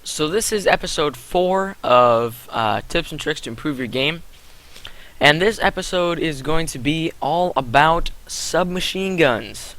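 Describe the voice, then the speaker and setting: A man's voice: fairly high pitch, fairly bright tone, poor audio. A young man giving casual gameplay commentary, rambling with fillers and correcting himself as he goes. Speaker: gaming commentator.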